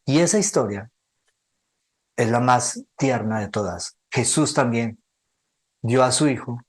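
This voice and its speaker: A man teaching a theology seminar, telling a story in an earnest, emotional, sermon-like way and slowing down for emphasis. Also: medium pitch, animated, breathy edge.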